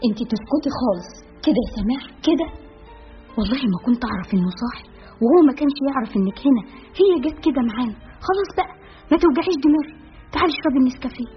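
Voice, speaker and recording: A woman with an Egyptian accent voicing a bossy, chatty young woman friend who banters rapidly. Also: high voice, lively intonation, voice pushed up. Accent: Egyptian Arabic. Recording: dull lo-fi with faint music.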